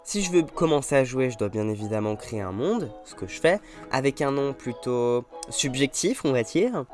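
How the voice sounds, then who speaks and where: A man's voice: medium pitch, expressive, moderate pace, a little mellow. A young man narrating his own gameplay in an upbeat, self-mocking voice-over. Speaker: gaming YouTuber. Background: game music.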